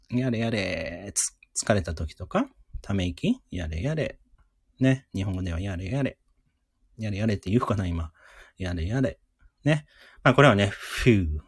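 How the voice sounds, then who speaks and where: A man with a low, husky voice hosts a casual live radio lesson. He is chatty and encouraging and slows down to repeat each word for listeners to drill. His pitch swings widely, and the close mic sounds dry. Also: no echo. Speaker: radio host teaching English words.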